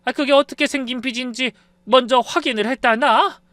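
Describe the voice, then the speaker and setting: Man doing a rattled older mother-in-law, high and loud, gasping exclamations, dry close sound. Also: brisk, dry recording. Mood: shaken. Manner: exclaiming with sighs, breathless retelling. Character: flustered older mother-in-law, shaken and complaining.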